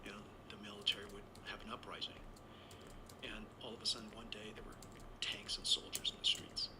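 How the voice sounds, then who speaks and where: Over heavy background noise, a Taiwan-born man in his sixties speaks fairly quickly in a low, flat voice. As an interview guest, he tells a long personal story in a rambling, anecdotal way and keeps correcting himself.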